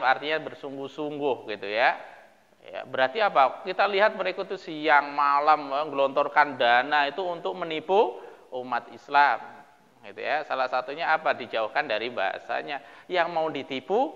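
An Indonesian man teaching Arabic grammar in a classroom, calling on students by name and chanting verses slowly. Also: a little high, a bit bright, in a large hall, dull audio. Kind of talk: classroom lesson drilling verb forms.

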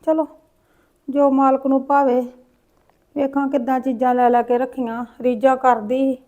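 A lonely old grandmother, played by a woman in a village drama, forever sighing and lamenting and muttering to herself. Her voice sits a little high for a woman of her years. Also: flat delivery, moderate pace, warm tone, dull audio, close to an everyday voice. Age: older. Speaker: grandmother in a short film.

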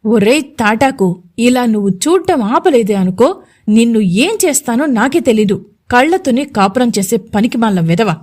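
A woman voicing a scornful young village woman who scolds and insults a leering man, slow and contemptuous. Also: a little high, animated, a little mellow. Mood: scolding.

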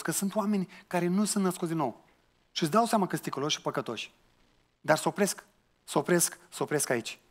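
Male pastor, higher register; earnest sermon delivery, challenging and conversational. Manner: earnest, questioning the listeners, colloquial asides.

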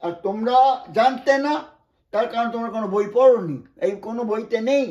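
A man's voice: very high-pitched, brisk, darkish tone, roomy sound, lo-fi sound. A man from West Bengal teaching English pronunciation, patiently explaining word by word with frequent asides. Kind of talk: spoken classroom lesson.

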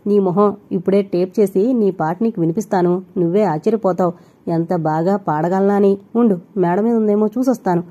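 A woman voicing a lively, affectionate young wife who talks eagerly, in an audio novel. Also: mid-range voice, a little fast, dull audio, natural voice. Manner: eager, chatty.

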